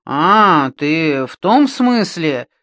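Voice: medium pitch, big pitch swings, slow, a bit bright, no room sound, clean studio sound, full character voice. A reader voicing a big, blunt, grumbling thug in an audiobook. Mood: placated. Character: hulking thug, slow and blunt.

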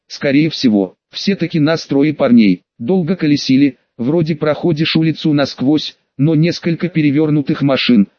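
A man's voice: on the high side, dry recording. A man reading a first-person audiobook with wry, conversational storytelling, in a dull, dry lo-fi recording. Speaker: audiobook narrator.

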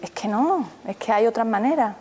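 A woman's voice: fairly high pitch, expressive, normal speed, darkish tone. A woman, a therapist giving a live mindfulness talk, who keeps turning to the audience with questions. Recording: reverberant hall, faint background noise.

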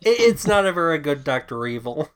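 A man's voice: a little high, sing-song, a little fast, a bit bright, clear, resonant tone. Rambling man co-hosting a film podcast. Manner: rambling, with frequent restarts and "like". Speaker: podcast co-host. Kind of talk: casual film discussion.

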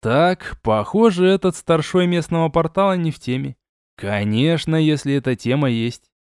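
A man narrating a fantasy audiobook in the first person, with a wry, conversational delivery that jumps up in pitch at points. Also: lively intonation, moderate pace, a little mellow, clear, resonant tone, no room sound, studio quality.

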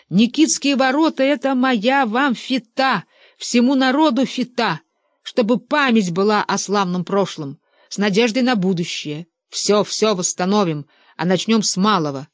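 A narrator voicing an excitable, pompous old male stoker who shouts and lectures in a hoarse voice. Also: mid-range voice, measured pace, no room sound, clean studio sound, close to an everyday voice. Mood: zealous.

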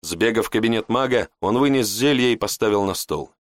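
Low-voiced man narrating an audiobook. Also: animated, brisk, dry recording, studio quality.

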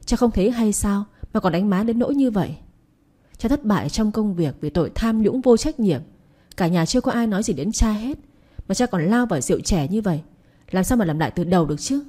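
A woman's voice: medium pitch, animated, fairly quick, warm tone, slightly rough. A woman voicing a young adult son who speaks earnestly and protectively of his mother. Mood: reproachful. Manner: earnest, reproachful.

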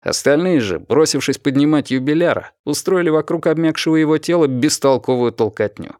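A man reading an action novel as audiobook narration, in a steady, expressive way. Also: a little high, a little fast, no echo, studio quality.

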